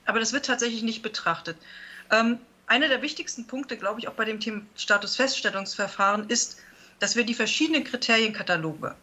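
A woman speaks as a politician in a panel discussion, her voice fairly high and bright. She explains her points fluently and firmly. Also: a little fast.

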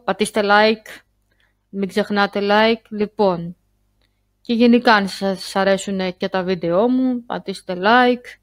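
A woman talking casually to her viewers in a vlog, chatty and halting, full of fillers and restarts. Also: medium pitch, no room sound. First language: Greek. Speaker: YouTuber. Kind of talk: casual screen-share vlog.

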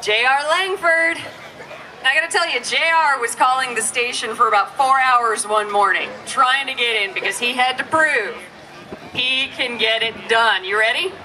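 A woman's voice: high voice, moderate pace, pushed and bright. A woman emceeing a live contest on an outdoor stage with a handheld microphone, in a playful, teasing manner. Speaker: contest host. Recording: noisy outdoor crowd, live PA.

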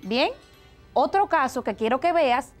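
Dominican woman teacher for a broadcast class; measured, deliberate delivery, a touch high. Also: animated, faint music behind. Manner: slow, deliberate explaining. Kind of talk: televised language lesson.

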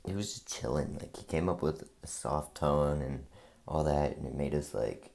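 A man's voice: a bass voice, moderate pace, gravelly, a little mellow, low-quality recording. A man chatting casually into a handheld phone for his vlog, rambling with lots of fillers. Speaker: vlogger. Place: at home, then a school cafeteria.

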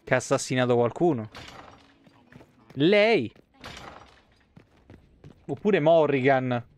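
A game streamer in his thirties with a Roman Italian accent commentates live on a video game from a small indoor room. His mid-range voice is animated, slow, and a little mellow, full of slang, swearing, and muttered asides.

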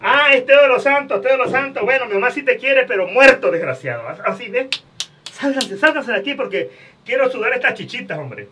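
A man's voice: very high-pitched, sing-song, a little fast, background noise. A man voicing a brash, foul-mouthed comic superhero, answering fan questions in a crude, mocking vlog outdoors by a river. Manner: crude, mocking, full of insults and slang.

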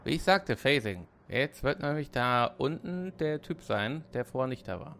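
A man's voice: medium pitch, animated, normal speed, gravelly, fairly bright tone, a little hiss or hum. A man hosting a let's play, casually commenting on his game as he goes. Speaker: gaming let's play host.

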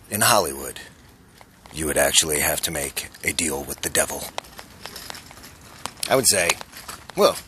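A man's voice: sits low, bright, forceful tone, a little hiss or hum. A man in his forties vlogging to a phone held at arm's length on a city street at night, earnest and urgent, posing rhetorical questions. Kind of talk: selfie street vlog monologue.

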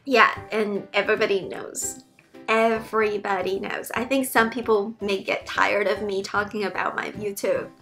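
This time her medium-pitched, slightly bright voice is flat and at normal speed, with faint music behind. In her bedroom, the young Mandarin-accented PhD student and YouTuber works through a casual Q&A vlog, chatty and earnest, restarting sentences often.

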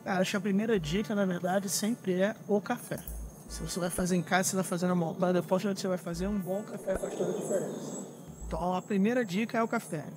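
A Brazilian man in his thirties, a barista, explaining his trail coffee gear in a relaxed, hands-on way outdoors in a forest. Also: high-pitched, fast talker, music in the background. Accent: Brazilian Portuguese. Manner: relaxed, explanatory, handles gear while talking. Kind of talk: casual outdoor demonstration.

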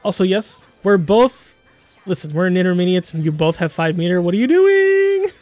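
A man in his twenties commentating a fighting game stream in a casual, laughing way, with quick excited calls of the action. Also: high voice, dry recording, soft background music. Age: 20s.

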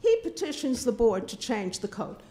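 A woman's voice: a little high, big pitch swings, normal speed, dark tone. An older woman giving an indignant, emphatic public comment at a town board meeting, speaking into a podium microphone in a meeting room. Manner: indignant, emphatic, repeats herself. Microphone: podium microphone, filmed from a distant camera.

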